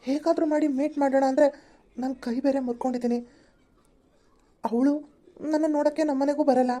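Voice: sits high, steady tone, brisk, warm tone, natural voice. A woman voicing Bharat, a lovestruck cartoon young man. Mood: brooding. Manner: teasing, brooding inner monologue.

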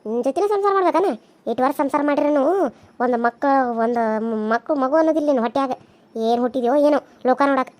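A woman voicing a sharp-tongued older village mother-in-law in a cartoon serial, with a North Karnataka accent, scolding and sarcastic. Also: high-pitched, fast, close to an everyday voice. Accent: North Karnataka Kannada.

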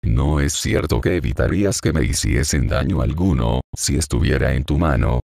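A man's voice: extremely low pitch, normal speed, gravelly, a little mellow, no echo, studio quality, exaggerated voice. A man voicing a proud, impatient teenage girl who scolds sharply, in a storybook reading. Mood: impatient, scornful.

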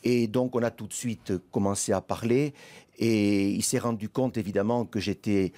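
A middle-aged man from southwest France, a guest writer telling stories in a radio interview, in a lively, lyrical way with many restarts. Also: fairly low pitch, moderate pace.

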